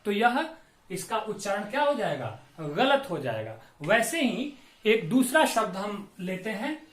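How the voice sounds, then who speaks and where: A middle-aged man, a Hindi professor, giving a classroom-style lecture on pronunciation, spelling out each sound slowly and carefully. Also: sits high, very animated, a bit bright, roomy sound. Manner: slow, deliberate, drawn-out enunciation of sounds. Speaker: Hindi professor teaching grammar.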